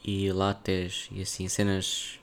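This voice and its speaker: A man's voice: deep voice, monotone, slow. A young man with a European Portuguese accent chatting casually on a solo podcast, rambling and slangy as he thinks aloud. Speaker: podcast host.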